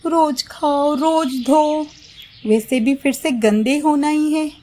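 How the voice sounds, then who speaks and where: A woman's voice: high-pitched, slow, mellow, pitched above the performer's own voice. A woman voicing a lazy, scheming young daughter-in-law in a storybook, sweet-talking and dismissive. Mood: lazy grumbling. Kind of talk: storybook voice acting.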